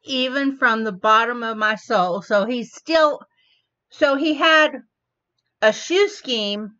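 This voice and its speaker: Slow, bright-voiced woman breaking down lyrics. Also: a little high. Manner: slowly explains wordplay line by line. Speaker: reaction video host. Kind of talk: casual commentary. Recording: dull lo-fi audio.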